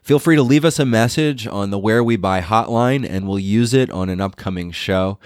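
A man hosting a podcast, sounding stuffed up from a cold as he reads a steady, informative segment. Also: lowish voice, moderate pace, clean tone, no echo, studio quality. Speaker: podcast host.

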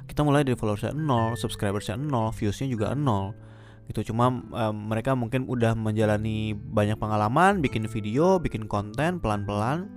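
A man's voice: lowish voice, normal speed. A man hosts a casual solo podcast over background music. He speaks with a slight lisp that slurs his r sounds. He often circles back and rephrases as he gives his opinions. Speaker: podcast host.

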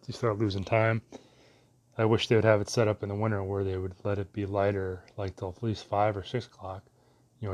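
Male vlogger, lowish voice, loose meandering casual talk, lots of fillers. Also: darkish tone. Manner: meandering, many fillers, mild cursing. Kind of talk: casual rambling monologue.

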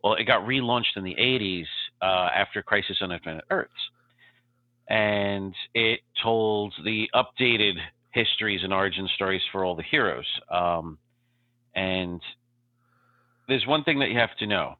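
A man co-hosting a casual podcast chat, telling a long story in an animated way and checking in with "okay?". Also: fairly low pitch, unhurried, no room sound. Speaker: podcast co-host. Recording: tinny phone-like line.

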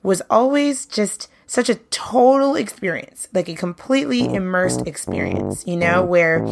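With a fairly low pitch and noticeable vocal fry, a young adult woman from Brooklyn talks alone on her podcast. She's a singer and bandleader, and her delivery is chatty, upbeat and casual, sprinkled with "you know."

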